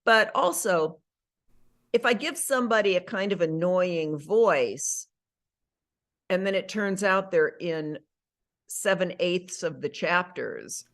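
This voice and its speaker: In a casual interview, a middle-aged woman who works as an actress and audiobook narrator talks in an animated way, constantly using fillers and correcting herself. Her voice is on the low side and she speaks slowly.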